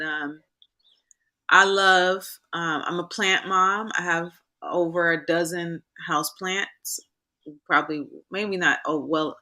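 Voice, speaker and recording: A woman chef being interviewed, telling stories in a chatty, animated way with frequent ums. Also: lowish voice. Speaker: chef guest. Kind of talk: casual interview chat.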